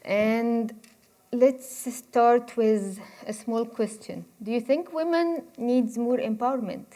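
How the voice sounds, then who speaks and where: This Egyptian woman is a guest speaker delivering a university lecture in a conversational style, encouraging listeners to interrupt with questions. She has a fairly high, warm voice and takes her time.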